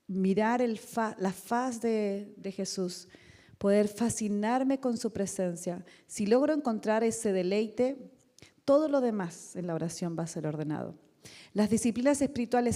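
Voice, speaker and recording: A middle-aged woman with a warm, somewhat high voice preaches a sermon in a church hall, where the large space gives a long reverb. Her style is conversational, full of rhetorical questions and little acted-out quotes.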